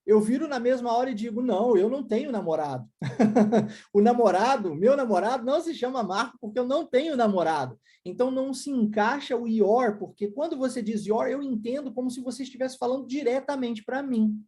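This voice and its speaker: A woman's voice: fairly high pitch, animated, a little fast, dark tone. A Brazilian woman with a Brazilian Portuguese accent, teaching an English lesson and checking in often with the viewer. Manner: explanatory, checks in with "tá?" and "né?".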